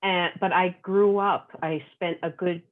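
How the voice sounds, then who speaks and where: A woman's voice: lowish voice, steady tone, measured pace. A woman, a guest author chatting casually in an interview, rambling with plenty of fillers. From Long Island, New York. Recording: tinny phone-like call audio.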